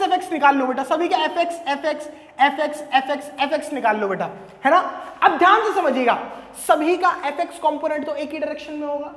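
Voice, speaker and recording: High, playful male teacher lecturing in an echoey classroom, chatty and repetitive. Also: a bit bright. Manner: acts out dialogues with students. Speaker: physics teacher. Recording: echoey room with long reverb.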